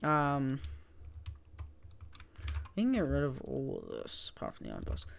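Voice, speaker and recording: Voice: medium pitch, wildly swooping pitch, a little slow, creaky, slight background noise. A speaker from New Zealand with a New Zealand accent, thinking aloud and counting under their breath while building in a tutorial. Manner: mutters to self, counts under breath, self-correcting. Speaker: Minecraft builder giving a tutorial.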